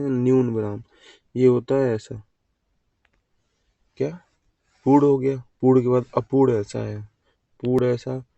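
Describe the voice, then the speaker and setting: A man's voice: mid-range voice, vocal fry, dark tone, no room sound. A man teaching an exam-prep grammar lesson, asking questions and answering them himself in a call-and-response way. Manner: quizzing, call-and-response delivery. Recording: dull lo-fi sound.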